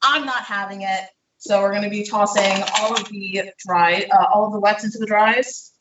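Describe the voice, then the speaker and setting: The recording is muffled and noisy, made at a distance in an echoing home kitchen where a baker leads a live recipe demonstration. Speaking at normal speed in a mid-range, fairly even voice, they chat through each step with fillers, slightly out of breath.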